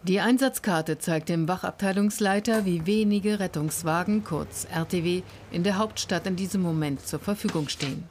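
Woman reading a tv report, lowish voice, faint hum behind. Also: normal speed, few pauses, darkish tone. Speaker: documentary narrator. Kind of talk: scripted narration.

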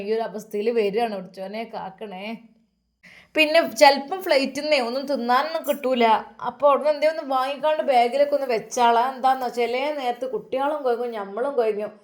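A woman's voice: on the high side, close to an everyday voice. A woman voicing a devout, tender elderly mother with a Malappuram Malayalam accent, talking fondly and full of blessings. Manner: fond, blessing and doting.

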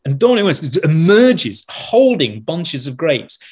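Husky man telling a wild story. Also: on the high side, measured pace. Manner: animated storyteller, acts out quotes, laughs mid-sentence. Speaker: wine expert telling a story. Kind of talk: casual anecdote on a podcast.

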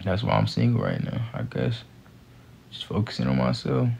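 Tired, low, gravelly young American man. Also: wildly swooping pitch, moderate pace, darkish tone. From Gary, United States. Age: young adult. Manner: tired, laid-back, slangy. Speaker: live streamer, actor. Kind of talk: casual livestream chat answering comments. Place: small room indoors, lying down. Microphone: handheld phone at close range. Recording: muffled phone livestream with background noise.

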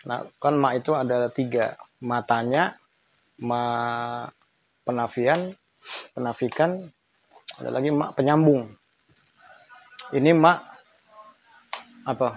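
A man's voice: medium pitch, dull audio. A man giving a conversational online lesson on Quran grammar, emphatic and acting out intonation examples.

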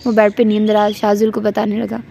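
This woman narrates a romance audiobook, performing the storytelling and all the characters' dialogue alone. Her mid-range voice is monotone, creaky and mellow, moving a little fast over slight background noise.

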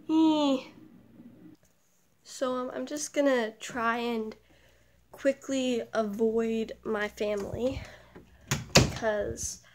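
A young woman from Canada, hoarse with the flu, chatting in a self-mocking way as she vlogs outdoors. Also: on the high side, level tone, slow pace, a little hiss or hum. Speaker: vlogger. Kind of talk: casual vlog while walking outdoors. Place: outdoors in a small town.

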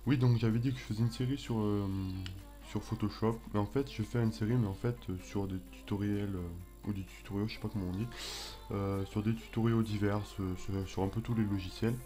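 A young man with a French accent talks through a software tutorial in a casual, halting way, full of fillers, restarts and little jokes at his own expense. His voice sits fairly low. Faint music plays softly under his voice. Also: steady tone. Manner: hesitant, many fillers and restarts, self-mocking. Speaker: tutorial host. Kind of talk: casual screen-recorded tutorial.

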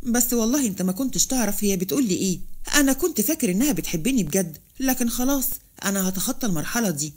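A woman's voice: medium pitch, lively intonation, quick pace, natural voice. A woman voicing a hurt, angry seventeen-year-old boy with an Egyptian accent. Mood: subdued. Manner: shouting insults, hurt.

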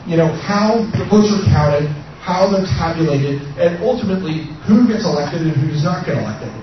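A man's voice: fairly high pitch, background noise. A drunk man giving an informal, rambling, opinionated talk to an audience as a speaker, with some swearing. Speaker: conference speaker. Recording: echoey hall, far from mic, muffled, audience.

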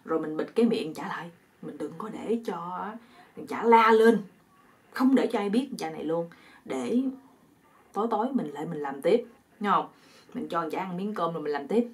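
A scheming village woman murmurs her plan in a low, half-whispered voice, as a woman storyteller puts her on. She sounds conspiratorial, speaking as if she fears being overheard in a comic folk tale. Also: expressive, moderate pace, pauses often.

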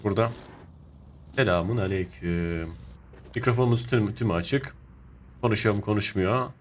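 A young man narrating his own mobile shooter match in casual commentary, muttering to himself and then breaking into sudden excited shouts. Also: on the low side, moderate pace, a little hiss or hum. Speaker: gaming YouTuber. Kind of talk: live gameplay commentary.

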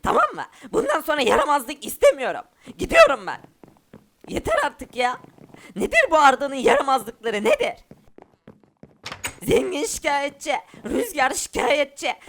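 A man's voice: very high voice, creaky, a bit bright, full character voice. A man voicing an exasperated, fed-up father in a cartoon game parody, scolding and complaining.

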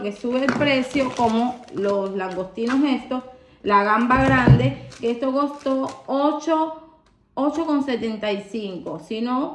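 High-voiced Cuban woman vlogging at home. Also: a little hiss or hum. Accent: Cuban Spanish. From Cuba. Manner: chatty, expressive, calls viewers "mi amor". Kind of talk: casual chat to camera. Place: at home, indoors. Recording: echoey room.

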